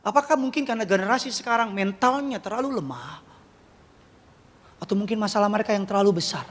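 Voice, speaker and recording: A man preaching a sermon as a pastor, animated and humorous, firing rhetorical questions at his congregation. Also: high voice, fast talker. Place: large church hall. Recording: long church reverb.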